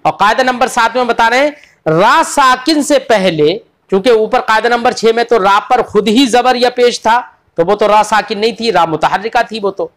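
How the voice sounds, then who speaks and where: Teaching Quran recitation online, this tajweed instructor speaks at a moderate pace in an extremely high, somewhat bright voice. He repeats every rule with patience, stretches out the example words, and affectionately addresses the students as children.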